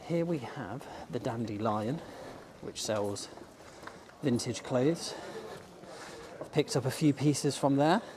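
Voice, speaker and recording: Filming himself with a handheld camera, a man from England walks up a sunny outdoor shopping street and chats eagerly, though his voice is slightly going. His mid-range voice moves at a slow pace, with frequent ums, in this casual walking-tour vlog from a bookshop owner and vlogger. The background is noisy, with faint street ambience.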